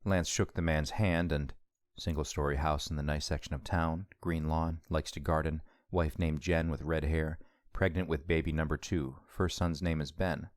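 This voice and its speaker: A man narrating an audiobook in a steady, measured reading. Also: very deep voice, no echo, studio quality.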